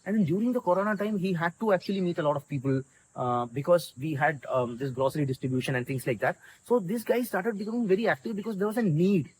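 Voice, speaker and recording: A man's voice: high-pitched, fast, a little mellow. South Indian man storytelling, noisy background. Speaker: interview guest, volunteer community organiser. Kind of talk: conversational storytelling.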